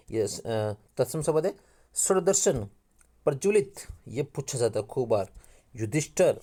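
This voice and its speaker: A man's voice: mid-range voice, mellow. A male teacher running an exam-prep class, reading out a list of words one by one and stopping to stress the tricky spellings, in a Rajasthani-accented Hindi. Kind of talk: exam-prep lesson reading out word lists.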